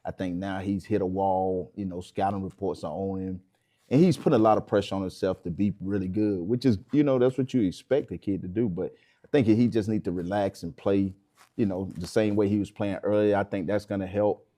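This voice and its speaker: A man's voice: deep voice, steady tone, brisk, mellow. A man, a basketball coach explaining things colloquially in a casual interview.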